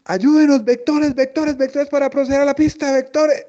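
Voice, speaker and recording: A man's voice: very high voice, fairly even intonation, moderate pace, mellow, highs cut off, voice pushed up. A man voicing a panicked male pilot who desperately pleads for radar vectors, repeating himself over the radio.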